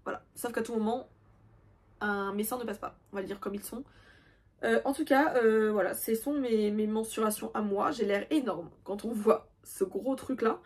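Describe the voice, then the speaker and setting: A woman's voice: a little high, normal speed, darkish tone, slightly rough. A young woman in casual chat, showing her crochet projects with self-mocking asides and many fillers. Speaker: crochet vlogger.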